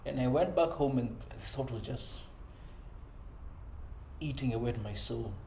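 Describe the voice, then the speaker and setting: A man's voice: medium pitch, a little slow, gravelly, dark tone. A man in his thirties, a father, speaking earnestly in a conversational self-improvement monologue, often adding "you know" and "right?". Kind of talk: reflective personal monologue. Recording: echoey room with faint ambient noise.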